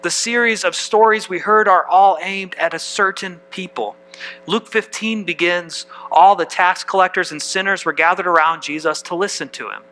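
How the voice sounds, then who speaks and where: A man's voice: sits high, moderate pace, bright, forceful tone, low-quality recording. A man preaching a sermon as pastor, reading scripture aloud and putting questions to the congregation.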